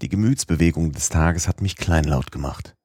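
Man, audiobook narration, very deep voice, husky, dry close sound, measured reading. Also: a little mellow, dry recording. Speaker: audiobook reader. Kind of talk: scripted narration.

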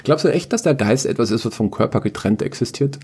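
A man's voice: mid-range voice, expressive, fast talker, a little mellow, breathy edge. A man narrating a family story in a playful, wry way, then bantering casually. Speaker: podcast host and storyteller.

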